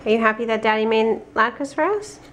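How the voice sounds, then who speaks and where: A woman's voice: on the high side, lively intonation, fairly quick, a bit bright. A woman, a mother filming a family home vlog, talking openly and emotionally. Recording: noisy home camera audio.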